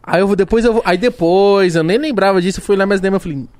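Quick, slangy man. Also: high-pitched, a little mellow, slight background noise. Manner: joking, slangy storyteller. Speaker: podcast co-host. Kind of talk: casual chat.

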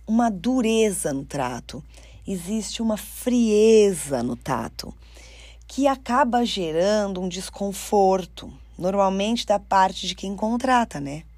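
A woman's voice: medium pitch, no room sound. A woman with a Brazilian Portuguese accent gives an informal advice talk, speaking straight to her listeners and acting out quoted speech. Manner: animated, addresses listeners directly, acts out quoted speech. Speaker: career mentor for artists.

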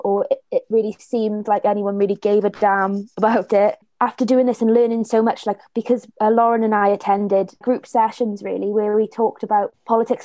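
Young valleys woman from south wales chatting away, mellow voice, no room echo at all. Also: mid-range voice. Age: young adult. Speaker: youth project participant leading discussion. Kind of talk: casual conversation.

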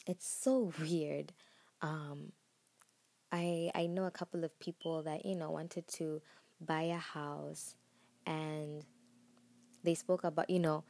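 Deep and dark-toned, this Botswanan woman's voice carries a relaxed solo podcast where she casually talks things through. The recording has a roomy echo and faint music underneath.

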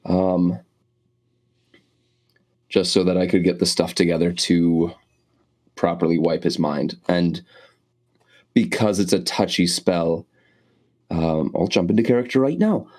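A man's voice: low voice, measured pace, long pauses, a little mellow. A man recapping last week's tabletop game session in a rambling, casual way, putting on a Minnesota accent and often stopping to correct himself.

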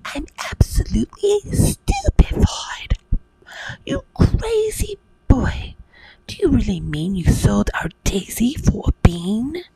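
A woman voicing an angry, scornful mother in a hushed bedtime storybook reading, with a breathy, strained voice. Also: fairly high pitch, very animated, takes it slowly, no echo, whispered, voice pushed up, heavily acted, low-quality recording. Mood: outraged.

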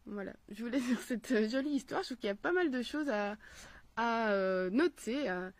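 Brief: woman host, slightly high voice, hesitant casual talk, reads a children's story aloud. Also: animated, normal speed, no room sound. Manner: hesitant, with many fillers and restarts. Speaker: host of a philosophy video series.

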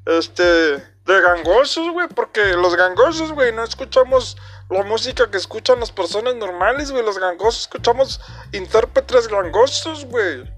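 A man's voice: sits high, lively intonation, moderate pace, breathy edge, soft background music, voice pushed up, full character voice. A man doing a nasal, rowdy joke-teller with a Mexican accent. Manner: loud, rambling street slang. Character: nasal brash young man telling a joke.

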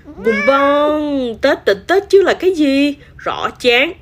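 A woman's voice: medium pitch, expressive, moderate pace, a little hiss or hum, lightly acted. A woman voicing a chatty old copper pot who speaks like a fussy uncle and clangs sound words, in a storybook reading.

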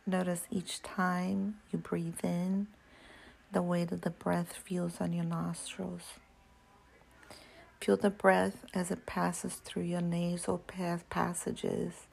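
A woman whispering a guided breathing meditation, softly counting breaths and giving slow, gentle instructions. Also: on the low side, vocal fry, husky, poor audio. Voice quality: soft whisper.

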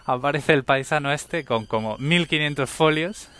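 A young man from Spain with a Spanish accent, hosting a podcast and telling a casual anecdote, lively and acting out the people in his story. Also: fairly high pitch, normal speed. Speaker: podcast host.

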